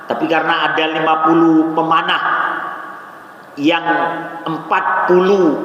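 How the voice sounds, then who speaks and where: A man preaching at a dawn gathering in a mosque. He tells the story in a lively way, acts out the dialogue and keeps calling his listeners "Pak". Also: a little high. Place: mosque hall. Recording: very echoey mosque hall, long reverb.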